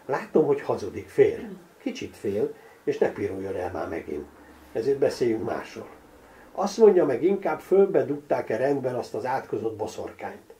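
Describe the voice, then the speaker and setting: A sharp-tongued noblewoman mocks a bashful priest, as a man with a gravelly, dark voice puts her on. He lifts his voice for her, quick and needling, with a storybook reading's easy pacing. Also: mid-range voice, sing-song. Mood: mocking. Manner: mocking, brisk, teasing.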